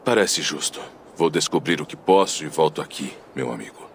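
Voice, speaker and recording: An actor playing a stoic, honourable and solemn Viking warrior in a video game. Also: male voice, rumbling low, expressive, moderate pace, a little hiss or hum. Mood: grave, measured. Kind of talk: dramatic video game dialogue.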